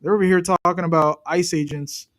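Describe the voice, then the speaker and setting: A man's voice: high voice, fairly even intonation, a little fast, a bit bright. A man hosting a live football watch-along, chatting casually and talking straight to his viewers. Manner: chatty, talks directly to viewers. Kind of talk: casual live match commentary.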